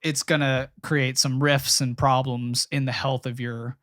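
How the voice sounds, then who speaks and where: A man's voice: medium pitch, little pitch movement, measured pace, fairly bright tone, no room sound, clean studio sound. A young man co-hosting a podcast, giving earnest, emphatic advice on marriage and parenting. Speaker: podcast co-host. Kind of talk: casual chat about marriage and parenting.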